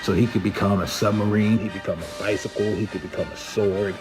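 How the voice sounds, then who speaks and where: A man, a comic book writer, casually pitching his book to camera in an easygoing, enthusiastic way, with plenty of fillers. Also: steady tone, fast talker. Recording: music playing underneath.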